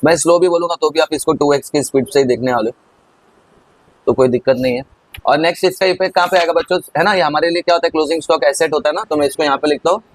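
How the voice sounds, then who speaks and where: A man gives an accounting lesson at a rapid clip, his voice sitting a little high for a man. He chats straight to his students and calls them kids as he works through each step. He keeps the talk easy and familiar. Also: no echo, rough recording. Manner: chatty, addresses students as kids. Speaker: teacher. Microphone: recorded over on-screen writing.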